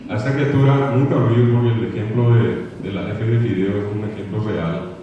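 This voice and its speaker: With a Paraguayan Spanish accent, a male congress speaker gives an earnest lecture full of repetition, occasionally imitating how children get words wrong. He talks fairly quickly in a lowish voice with fairly even intonation. The background is noisy, and the dull audio comes from far off in an echoey lecture hall.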